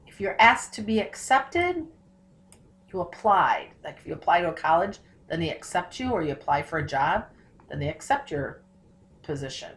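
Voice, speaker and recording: A woman teacher walks through a recorded phonics tutorial. She stretches out words and letter patterns slowly so each sound is clear. She poses questions and answers them herself. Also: on the low side, sing-song. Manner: slows down and stretches words to model spelling and syllables.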